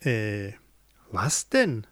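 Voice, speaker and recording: A man's voice: on the low side, huge pitch swings, extremely slow, a bit bright, dry recording, studio quality, voice pushed down, exaggerated voice. A man voicing a desperate young man in a spoken fairy tale, earnest and anxious. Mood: confused. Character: desperate young man searching for his love.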